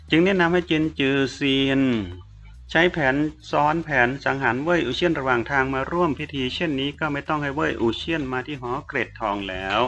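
A man narrating an audiobook novel in a steady, measured storytelling manner. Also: a little high, lo-fi sound. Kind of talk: scripted narration.

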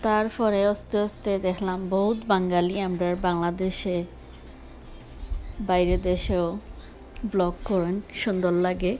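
A woman's voice: on the low side, flat delivery, measured pace, pauses often, darkish tone. Young woman vlogger, Sylheti Bengali accent, candid and chatty, sprinkles English words, faint music underneath. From Sylhet, Bangladesh. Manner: frank, mixing English words into speech. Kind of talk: casual talk to camera.

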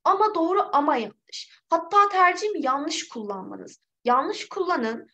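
A woman from Turkey teaching a live online English exam-prep lesson, lively and encouraging, with a slightly hoarse voice. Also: very high voice, a little slow, a little hiss or hum, poor audio. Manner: lively, encouraging, reads out student names.

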